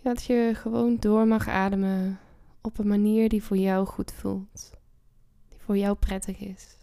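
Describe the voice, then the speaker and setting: A woman guides a relaxation meditation in a slow, hushed voice that often sinks into whispers. Her tone is mellow and very even, with little rise and fall. The sound is dry and close. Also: medium pitch, vocal fry, no room sound. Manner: slow, soft and soothing, with long pauses and drifting into whispers.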